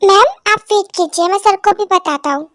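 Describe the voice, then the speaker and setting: A woman voicing a polite young male office worker who tries to calm things down in a fan dub. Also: very high-pitched, moderate pace, no echo, clean studio sound. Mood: placating. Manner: placating, polite.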